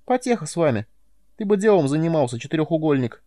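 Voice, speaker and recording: A man reading an audiobook voices a rude, impatient female alien patroller with a shrill, squeaky voice. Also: expressive, quick pace, warm tone, no echo, clean studio sound, natural voice. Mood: scornful.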